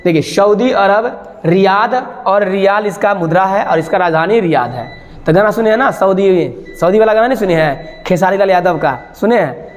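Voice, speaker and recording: A man coaching students for exams, teaching through playful mnemonics, snatches of song and little acted sketches, and repeating key words slowly so they stick. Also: sits high, expressive, long reverb tail. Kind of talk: exam-prep lesson with mnemonics.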